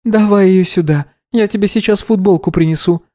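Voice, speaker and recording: A man reading an audiobook voices a sharp-tongued young woman who can turn into a panther, curt and defiant. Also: high-pitched, fairly quick, pitched above the performer's own voice, natural voice. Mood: teasing.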